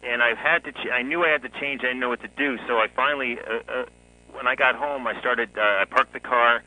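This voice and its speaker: Bright-voiced man telling his story. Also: medium pitch, quick pace, rough recording. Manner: chuckles often, relaxed storytelling. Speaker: guest author. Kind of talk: conversational interview.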